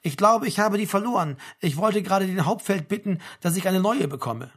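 A man voicing a stubborn young male army conscript who gives flat, insistent replies. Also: high voice, brisk, husky, voice pushed up, full character voice.

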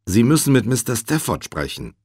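A man doing a calm, polite helper. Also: mid-range voice, moderate pace, breathy edge, no echo, clean studio sound, pitched above the performer's own voice. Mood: gentle. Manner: polite, gentle, coaxing. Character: calm helpful man at a sickbed.

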